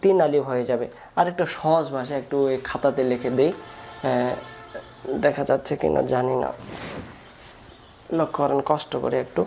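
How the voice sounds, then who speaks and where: A man's voice: mid-range voice, moderate pace, gravelly, pauses often, a little mellow, slight background noise. A man teaching Quran reading, patiently spelling out letters and drawing out long vowels, repeating each step. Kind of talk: slow step-by-step recitation lesson.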